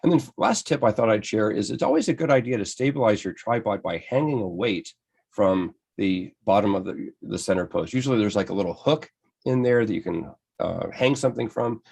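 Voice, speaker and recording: Gravelly-voiced American man presenting. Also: lowish voice, lively intonation, a little fast, darkish tone. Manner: enthusiastic, conversational, many restarts. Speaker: photography presenter. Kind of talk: slide-based club lecture.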